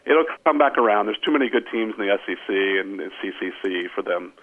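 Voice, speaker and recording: A man talks fast and rambles about high school sports, restarting his sentences and leaning on "I mean" and "you know." His voice comes through a narrow, tinny line. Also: lively intonation. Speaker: sportswriter guest. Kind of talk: casual sports chat.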